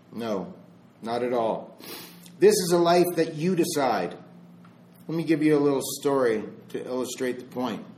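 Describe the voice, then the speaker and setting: A man giving a slow, deliberate spiritual talk, pausing between phrases and telling a parable. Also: mid-range voice, a little mellow, slight background noise. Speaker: spiritual speaker. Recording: roomy echo.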